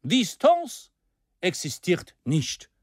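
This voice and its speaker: A man's voice: high-pitched, animated, measured pace, dry recording, clean studio sound, voice pushed up. Man voicing a fiery orator, Michel Ardan. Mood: rousing. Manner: rousing, declamatory, emphatic. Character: bold, fiery French male orator, enthusiastic dreamer.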